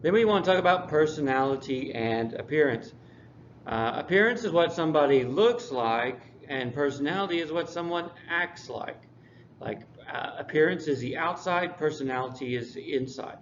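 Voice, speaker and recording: A man teaching English and reviewing a textbook unit in a relaxed way, with dry classroom humor. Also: fairly high pitch, normal speed. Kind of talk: recorded lesson review. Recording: dull lo-fi recording, faint noise.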